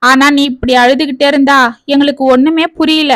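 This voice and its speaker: A woman's voice: high voice, fairly even intonation, a little fast, fairly bright tone, no room sound. A woman voicing an earnest young working man who cares for his sister. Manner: earnest, pleading. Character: young working man, caring elder brother.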